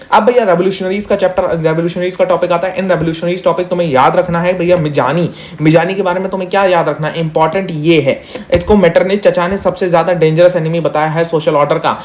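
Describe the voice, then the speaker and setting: Fast chatty Hindi-English tutor, man. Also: high voice. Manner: chatty, calls students "meri jaan" and "bhaiya", mixes English; talks fast on purpose. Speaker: teacher. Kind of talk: fast exam-revision lesson.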